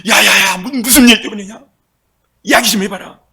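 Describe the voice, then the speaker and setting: A man doing a gruff scolding apostle. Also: high voice, normal speed, sharp tone, voice pushed up, exaggerated voice. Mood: brusque. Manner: blunt, scolding.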